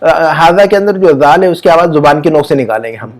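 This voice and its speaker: A man teaching an Arabic lesson to a student, patiently repeating words, drawing out sounds slowly and checking understanding. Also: on the high side, expressive.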